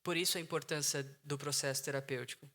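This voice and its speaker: Brazilian guy psychologist talking to his audience, bright forceful voice, keeps repeating his point, out in the sun. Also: a little high, steady tone, quick pace. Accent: Brazilian Portuguese. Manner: earnest, repeats key phrases for emphasis. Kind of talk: emotional intelligence talk to an online audience. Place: outdoors in the sun.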